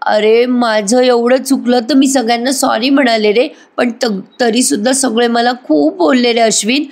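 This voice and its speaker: A woman voicing a scheming young woman who fakes tears, speaking in a whiny, self-pitying voice pitched above her own. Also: moderate pace, close to an everyday voice.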